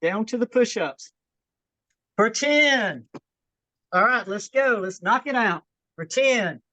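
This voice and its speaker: A woman's voice: fairly high pitch, expressive, takes it slowly, sharp tone, dry recording, low-quality recording. A woman leading a workout on a video call, slightly out of breath, encouraging and repeating that people should keep it simple. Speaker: fitness instructor. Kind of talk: workout demonstration and advice.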